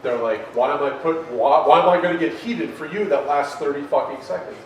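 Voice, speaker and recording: A man's voice: a little high, fairly quick, dull audio. Rambling, profane man in his forties. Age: 40s. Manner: rambling, swears constantly, trails off with fillers. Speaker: open mic comedian guest. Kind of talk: profane comic rant. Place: record store. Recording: very echoey room, mic far off, faint noise.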